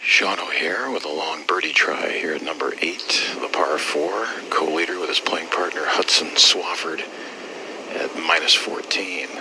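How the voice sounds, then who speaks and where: A man with a low voice gives live golf commentary in short, measured calls. Clear outdoor background noise runs behind him. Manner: measured, clipped present-tense calls.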